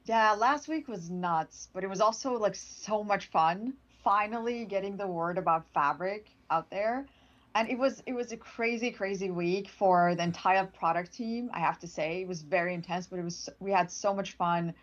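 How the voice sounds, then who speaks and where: Speaking at a moderate pace with a medium pitch, this Swedish product manager is a guest on a relaxed livestream interview, and the recording sounds muffled. She's a native Swedish speaker who chats cheerfully, laughs frequently, and keeps restarting her sentences.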